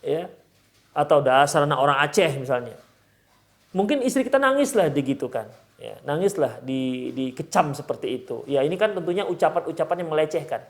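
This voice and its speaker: A man's voice: on the high side, sing-song, brisk, a little mellow. A man preaching in a mosque and retelling a story in casual speech with Arabic phrases mixed in. He speaks directly to the men in the audience. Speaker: Islamic preacher. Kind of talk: Islamic study lecture in a mosque.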